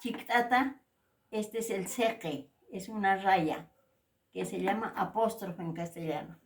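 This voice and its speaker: A woman from Peru teaching a language lesson, slowly saying example words and repeating them with emphasis. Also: mid-range voice. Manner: slow, deliberate, repeats and stresses each word louder. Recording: voice a little far from the mic.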